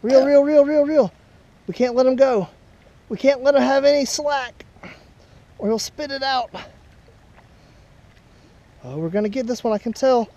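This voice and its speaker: Speaking with a very high, warm voice, a young father patiently helps his son fish at a pond, chatting casually in a slightly slow manner with frequent pauses. The outdoor recording comes from a body-worn action camera, and its highs are cut off.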